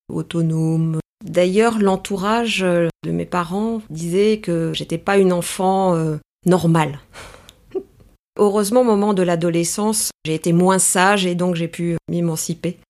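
Speaking on the low side with a slightly mellow quality, a thoughtful, articulate middle-aged woman answers questions as a guest in a reflective interview. She is an executive coach from Paris, France, raised in a Greek family.

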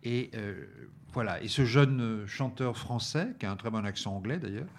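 On a talk show, a man with a fairly low voice presents a selection of DVDs at normal speed in radio-style review chat. He hesitates a lot, leans on fillers, and keeps restarting.

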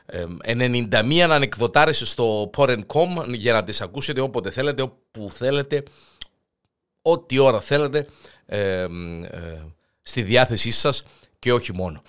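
A man with a Cypriot Greek accent telling a joke as the show's host, in an animated, rambling way. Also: medium pitch, clean tone. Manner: animated, rambling, restarts words. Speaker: joke teller. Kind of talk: comic storytelling.

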